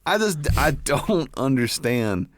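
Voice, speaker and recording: Rambling podcast guy, animated voice. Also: mid-range voice, slow pace, no room sound, clean studio sound. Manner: rambling, frequent "like", laughing, profane. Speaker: podcast co-host. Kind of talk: casual chat.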